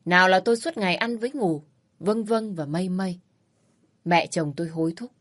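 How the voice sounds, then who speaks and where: A woman narrating a family drama in the first person, in a calm, subdued tone. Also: lowish voice, fairly quick.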